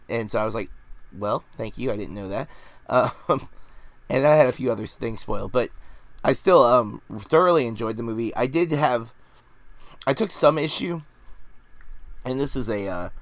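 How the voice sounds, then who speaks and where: A man in his forties hosting a casual film review podcast, talking in a rambling way with lots of fillers and hedges. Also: medium pitch. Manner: rambling, hedging, many fillers. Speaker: podcast host reviewing films.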